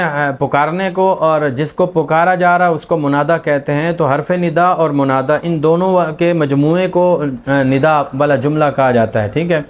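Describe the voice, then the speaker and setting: Patient male teacher, slightly high voice. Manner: patient, explaining, lists examples with many fillers. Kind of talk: spoken lesson on Arabic grammar.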